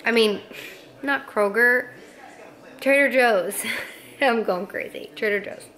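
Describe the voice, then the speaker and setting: A chatty young woman talks straight into a camera she holds at arm's length, catching her audience up on her week. Her voice sits a little high, and she keeps things light with quick asides. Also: a bit bright. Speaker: vlogger. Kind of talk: casual vlog chat to camera. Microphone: phone or camera held at arm's length.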